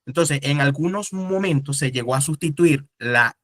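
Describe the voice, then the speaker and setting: Higher-pitched man teaching a class. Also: moderate pace, a bit bright, no room sound, studio quality. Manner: explanatory, asks the class rhetorical questions. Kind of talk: casual classroom lecture.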